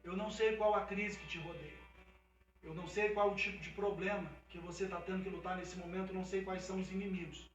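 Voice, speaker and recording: A man's voice: high-pitched, fairly even intonation, fast, echoey room, distant mic, soft background music, poor audio. A man with a Brazilian Portuguese accent preaching an emphatic sermon as a pastor at a livestreamed church service. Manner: emphatic preaching that builds to a fervent, loud climax.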